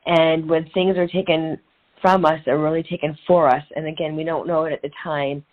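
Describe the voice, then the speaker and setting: Her deep voice keeps a level tone at a moderate pace: a middle-aged transformational and women's empowerment coach, guesting on an interview. She tells motivational stories earnestly, repeats phrases for emphasis, and sounds narrow and phone-like.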